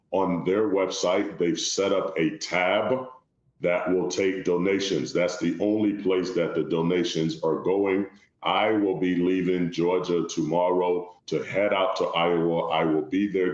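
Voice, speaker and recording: Liberian-born man guest, very low voice, formal and measured, echoey dull remote audio. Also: a little mellow. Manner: measured, formal, repeats "long story short". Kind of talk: interview conversation.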